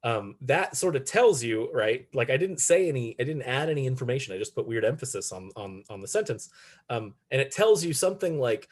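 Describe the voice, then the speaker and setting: Man, philosophy lecturer, casual and chatty, lots of ums and restarts, mid-pitched voice. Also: lively intonation, a little fast. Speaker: philosophy instructor. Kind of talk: recorded online lecture.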